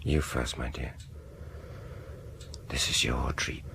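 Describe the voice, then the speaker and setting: This actor plays a sinister dentist bent on revenge for a radio horror piece, savoring each word and slipping into whispers as he gloats. His voice is a low rumble with little rise or fall, silky and self-satisfied.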